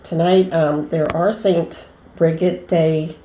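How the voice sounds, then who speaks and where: A woman's voice: low-pitched, steady tone, takes it slowly, warm tone, roomy sound, slight background noise, low-quality recording. A middle-aged woman vlogger chatting at home in a folksy, homey way about entertaining. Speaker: lifestyle vlogger. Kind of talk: casual home chat.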